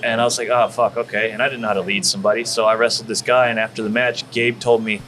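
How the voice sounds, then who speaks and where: A man's voice: on the low side, little pitch movement, quick pace, fairly bright tone, slight background noise, low-quality recording. A man from Texas, a former pro wrestler, telling rambling, profanity-laced stories as a guest in a barbecue restaurant. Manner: profane, rambling, full of fillers. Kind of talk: casual storytelling.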